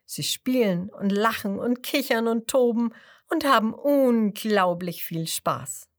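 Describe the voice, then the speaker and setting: A woman reading a children's story aloud to a child, slow and expressive, sometimes dropping to a whisper. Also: fairly high pitch.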